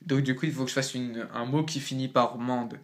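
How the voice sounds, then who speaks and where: A man's voice: medium pitch, steady tone, a little fast. Slangy young man explaining casually. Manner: slangy, loose, thinking aloud. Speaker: amateur rapper explaining rhyme. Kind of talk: casual home-made tutorial.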